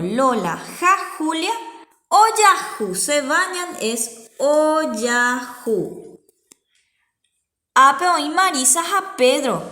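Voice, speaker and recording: A woman's voice: high voice, a bit bright, echoey room. A woman teacher gives a patient children's language lesson, repeating words for practice.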